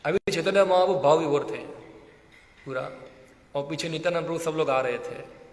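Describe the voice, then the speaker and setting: Male preacher, storytelling sermon, slightly high voice, roomy reverberant hall. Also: normal speed. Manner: lively storyteller, acts out quoted voices, laughs often. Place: temple hall. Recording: echoey hall with long reverb.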